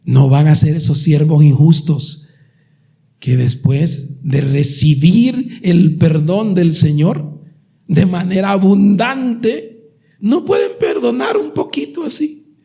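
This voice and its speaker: A Colombian pastor delivering an impassioned sermon, retelling parables and questioning the congregation directly. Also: male voice, sits high, slow, gravelly, mellow. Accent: Colombian Spanish. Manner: preaching with dramatic retellings and sudden raised passages.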